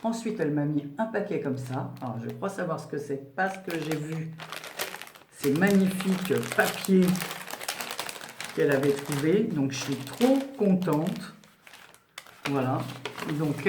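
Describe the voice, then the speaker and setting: A woman's voice: fairly low pitch, a little mellow, echoey room, slight background noise. A woman in her sixties chatting casually to her viewers as she unboxes craft parcels, rambling along with many fillers. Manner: rambling and chatty, full of "voilà" and "donc". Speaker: craft channel host. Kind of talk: casual unboxing chat to camera.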